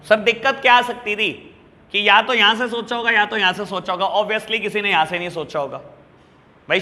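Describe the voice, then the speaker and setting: A man with a high, very bright voice explains an accounts lesson, addressing students fondly and mixing in English terms. His voice rings with a long reverb, as if he were teaching in a large hall. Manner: talks to students as "beta", mixes English terms into Hindi, teasing and explanatory. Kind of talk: classroom lecture.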